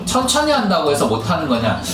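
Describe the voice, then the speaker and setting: A man explains his clinical work in a casual, conversational way. His pitch moves freely as he asks and answers his own questions. The room is echoey and the mic sounds distant. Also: huge pitch swings, fast talker, music in the background. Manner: explains with rhetorical questions and acted-out quotes. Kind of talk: casual explanatory chat over drinks.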